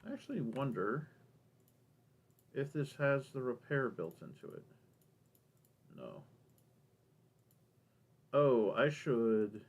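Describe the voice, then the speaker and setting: A man narrates his let's play slowly, very animated yet leaving long pauses, his medium-pitched voice carrying a breathy edge. He thinks aloud in loose, rambling commentary, and a minor lisp gives his S sounds a whistle and hiss.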